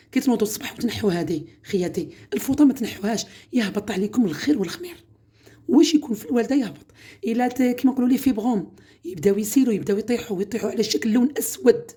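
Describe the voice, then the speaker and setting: A woman's voice: mid-range voice, dark tone. A woman with an Algerian Arabic accent hosting a home cooking channel, chatting through a home-remedy demonstration and often calling her viewers "my sisters".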